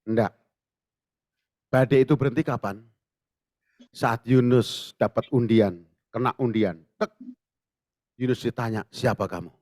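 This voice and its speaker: A male pastor preaching a sermon in a lively way, acting out voices and sometimes shouting. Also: mid-range voice, measured pace, long pauses, no room sound. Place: church service.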